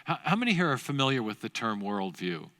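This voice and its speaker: A middle-aged man gives a lecture-style talk to a church seminar, narrating history like a storyteller. His mid-pitched voice trails into a long reverb from the large hall. He stumbles and restarts now and then, adding quick asides. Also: sing-song, a bit bright. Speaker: guest speaker at a church seminar.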